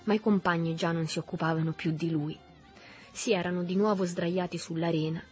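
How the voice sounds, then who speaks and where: A woman reading a literary novel aloud in a measured, even storytelling manner. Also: lowish voice, faint music behind. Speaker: audiobook reader. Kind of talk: literary audiobook narration.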